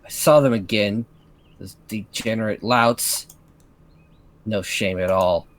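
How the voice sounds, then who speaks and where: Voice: medium pitch, big pitch swings, takes it slowly. Someone playing a bitter, sneering young woman. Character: bitter, prim young woman, stewing in a foul mood. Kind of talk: amateur voiced story reading.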